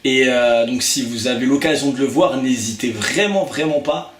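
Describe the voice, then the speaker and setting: A man's voice: medium pitch, normal speed, echoey room. A man casually reviewing films on video, talking with lots of hesitations, fillers and restarts. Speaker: film reviewer.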